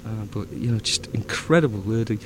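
A man's voice: lowish voice, brisk, a little hiss or hum. Rambling Northern English man, many fillers. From north of England. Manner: rambling, many fillers and restarts, easy laughter. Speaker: fan audio drama producer. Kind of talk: casual chat.

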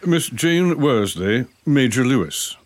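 A man playing a polite, well-bred English gentleman in a period audio drama, formal and apologetic. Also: mid-range voice, lively intonation, slow pace, noisy background. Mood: formal, agreeable.

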